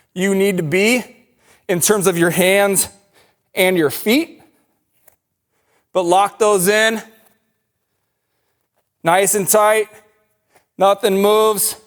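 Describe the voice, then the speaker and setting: A man's voice: sits high, fairly bright tone. A man coaching a home workout in short encouraging cues, out of breath from exercising along. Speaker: fitness coach.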